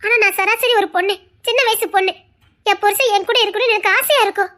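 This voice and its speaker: A woman voicing a hurt young wife in a Tamil audio drama, pleading and tearful, rising to shouts. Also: very high-pitched, fast talker. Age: young adult.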